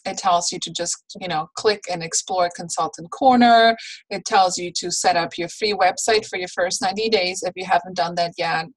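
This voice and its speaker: On a video call with screen share, a woman leads a training call for new consultants. Her mid-range voice, heard through poor audio, is friendly and instructive, and she says "um" frequently.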